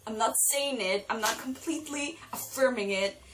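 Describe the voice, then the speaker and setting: A young woman chatting excitedly about books she has read, gushing over her favourites in a casual vlog. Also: fairly high pitch, normal speed, slight background noise. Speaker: book vlogger. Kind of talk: casual book review vlog. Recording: distant mic with faint background music.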